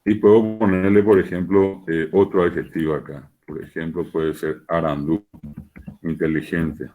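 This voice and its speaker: A man with a low voice gives a lecture, walking through examples patiently and repeating them so learners can follow. He sounds like he is speaking over a video call. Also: fairly even intonation, moderate pace, narrow, tinny audio, faint music behind. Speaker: teacher.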